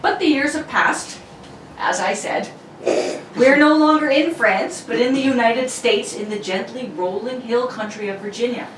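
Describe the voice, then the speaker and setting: Reading from a script, a woman narrates an amateur radio drama in a playful, dramatic way, prone to giggles and ad-libs. Her voice is on the high side at normal speed. The mic is distant in a roomy space, with faint noise.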